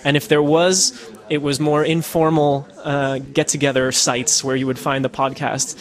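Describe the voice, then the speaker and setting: Speaking at normal speed in a slightly high voice with little pitch movement, an American man answers interview questions, thoughtful and casual but full of fillers and restarts. He's a podcaster and citizen journalist, located in the Netherlands.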